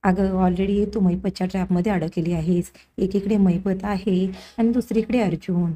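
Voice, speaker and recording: A woman's voice: medium pitch, steady tone, normal speed, dark tone, lightly acted. A woman reading a sly taunting man. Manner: mocking, taunting.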